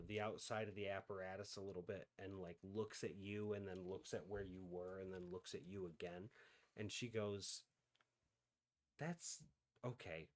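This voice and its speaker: A man narrating as game master in a casual tabletop game, loose and full of fillers. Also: deep voice.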